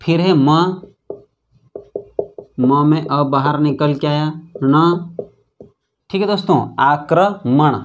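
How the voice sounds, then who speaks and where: A man teaching a grammar lesson who keeps asking the class questions and then answering them himself, stretching out single letters and syllables as he spells. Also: on the high side. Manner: repeats questions to students, calls them friends; slow, drawn-out syllables when spelling letters.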